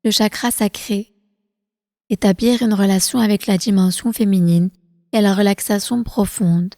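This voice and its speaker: In a soft, mellow, medium-pitched voice, a woman leads a guided prenatal meditation in the style of yoga nidra. She speaks calmly, slowly and deliberately, soothing the listener like an instructor. The clean studio recording leaves a long reverb tail on her voice.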